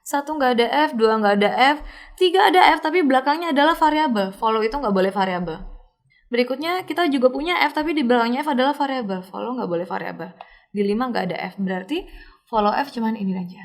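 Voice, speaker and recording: A young woman teaching a recorded university lesson, explaining step by step with casual fillers and quick self-corrections. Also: a little high, animated. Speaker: lecturer.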